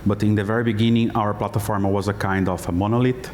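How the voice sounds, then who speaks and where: Brazilian guy on a conference panel, deep monotone voice, lots of uhs, hall echo. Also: fast talker, slight background noise. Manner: hesitant, many fillers, non-native phrasing. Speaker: head of platform engineering, panelist. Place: conference stage. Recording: hall reverb with faint ambience.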